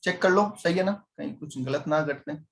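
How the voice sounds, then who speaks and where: A man's voice: fairly high pitch, brisk, creaky. A male teacher giving a chatty lecture, teasing his students and constantly quizzing them. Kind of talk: classroom lecture.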